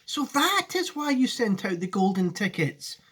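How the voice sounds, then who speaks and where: A man's voice: high-pitched, very animated, a little slow, a bit bright, breathy edge, pitched above the performer's own voice, exaggerated voice. A man reading a storybook aloud, voicing an earnest, eager little boy. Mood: amazed.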